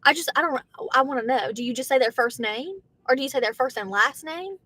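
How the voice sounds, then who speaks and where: A woman's voice: sits high, lively intonation, a little fast, pushed and bright, a little hiss or hum. A young woman with a Southern accent, chatting casually to her livestream from a car and reading viewer comments aloud. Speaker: livestreaming gig driver.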